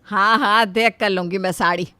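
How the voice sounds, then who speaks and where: A woman voicing the bride's loud, fussing middle-aged mother in a cartoon story. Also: mid-range voice, fairly even intonation, normal speed, no echo, voice pushed down, natural voice.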